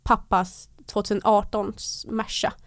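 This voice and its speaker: A young woman in casual chat, telling a story lively and acting out what people said. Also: mid-range voice, dry recording, clean studio sound. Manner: lively storyteller who acts out quotes.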